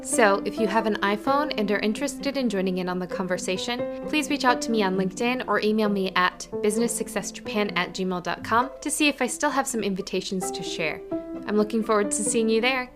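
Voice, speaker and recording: A woman opens her podcast with a scripted intro. She has a mid-pitched voice, neither high nor low, and explains things in a clear, friendly way. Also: a little fast, over music. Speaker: podcast host.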